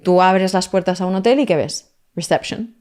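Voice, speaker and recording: A woman, a language teacher explaining her methods in an interview, lively and mixing in English words. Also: fairly low pitch, moderate pace, clear, resonant tone. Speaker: language teacher, guest expert.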